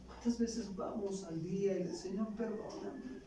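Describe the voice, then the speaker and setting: High-voiced preacher. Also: male voice, measured pace, far from the mic. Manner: preaching, prompting the congregation to finish his sentences. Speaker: pastor. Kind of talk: sermon. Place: church hall. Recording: echoey church, off-mic, faint hiss.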